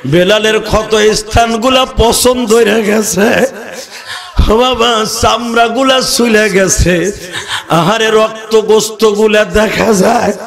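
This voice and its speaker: A man preaching an emotional sermon, shouting and chanting in a sing-song way. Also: sits high, slow pace, vocal fry, soft background music. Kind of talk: emotional Bengali waz sermon.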